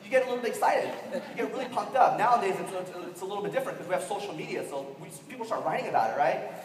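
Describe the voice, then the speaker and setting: A man giving an animated motivational training talk to a room, acting out the people he quotes. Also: sits high, crowd noise. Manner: animated, quick-talking, acts out quoted people. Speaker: network marketing trainer. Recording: echoey hall from far off.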